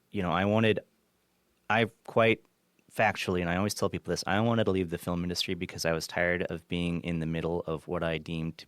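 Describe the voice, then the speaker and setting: Deep-voiced man in a relaxed interview. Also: smooth, no echo, clean studio sound. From Kansas, US. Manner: relaxed, frequent restarts, laughs easily, swears casually. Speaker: podcast guest, former assistant director. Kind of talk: casual interview chat.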